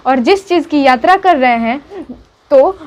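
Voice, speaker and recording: A woman's voice: sits high, lively intonation, normal speed. A woman insistently explaining and arguing her point, posing questions and answering them. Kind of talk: argumentative explanation.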